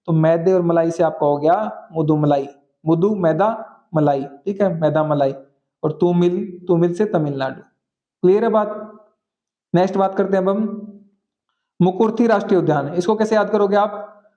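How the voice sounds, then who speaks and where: A man teaching general-knowledge memory tricks, repeating key phrases slowly and often checking that students follow. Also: high-pitched, warm tone, muffled recording. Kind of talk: exam-prep lesson with memory tricks.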